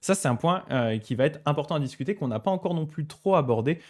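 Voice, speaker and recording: A man leading a casual live-streamed study session as a Buddhist teacher. He talks in a relaxed, explanatory way with frequent hesitations, and he reads passages aloud slowly before commenting on them. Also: a little high.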